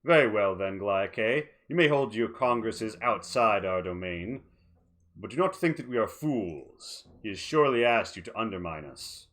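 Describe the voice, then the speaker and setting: A man's voice: on the low side, lively intonation, normal speed, fairly bright tone. A man playing a haughty, suspicious old bearded guardian of the woods in a tabletop game, speaking formally and accusingly. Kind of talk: tabletop role-play in character.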